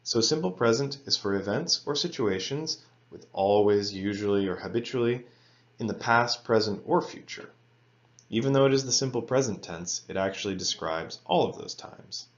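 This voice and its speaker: A man teaching an English grammar lesson to students, reading example sentences slowly and carefully. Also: on the low side, lo-fi sound. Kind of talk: recorded lecture for students.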